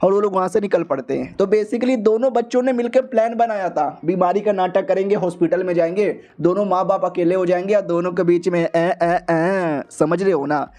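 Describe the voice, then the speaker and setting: A man's voice: high-pitched, darkish tone. A young man casually retelling a comic story, slipping playfully into each character's lines with slangy banter. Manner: playful, slangy, jumps between narration and quick character lines. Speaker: manhua recap narrator. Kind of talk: casual storytelling recap, voicing all characters.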